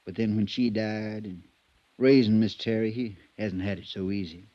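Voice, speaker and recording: Heard through a dull, muffled vintage radio recording, this fairly low, steady male voice belongs to a 1950s drama's stable hand, a loyal, worried and deferential man who speaks plainly. The actor's light performance is folksy, hesitant and respectful, moving at a moderate pace in a reflective mood.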